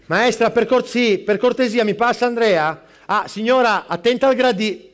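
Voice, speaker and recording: A man playing a harried barista juggling everyone at once. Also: extremely high pitch. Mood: frazzled. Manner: rapid-fire, juggling customers and calls, snapping asides. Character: frazzled middle-aged male barista, harried and foul-mouthed. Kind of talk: live stand-up character sketch. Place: live stage performance.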